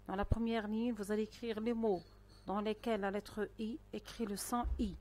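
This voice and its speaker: A woman teaching a primary school spelling lesson, speaking slowly and carefully with pauses between phrases. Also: medium pitch, steady tone, darkish tone. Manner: slow, careful dictation-style delivery with pauses. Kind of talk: recorded online lesson.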